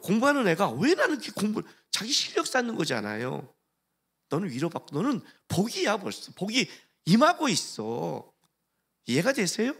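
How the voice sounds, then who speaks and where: A man's voice: high voice, fairly bright tone, slightly rough. A male pastor preaching a sermon in a church, asking the congregation questions and acting out the voices of the people he quotes. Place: church sanctuary.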